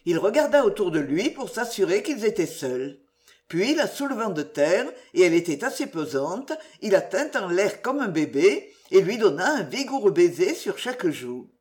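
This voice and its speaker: A woman reads a novel aloud in audiobook narration, with a lively, animated pitch that rises and falls through each sentence. Her delivery is measured and expressive, and her pitch sits in a middle register.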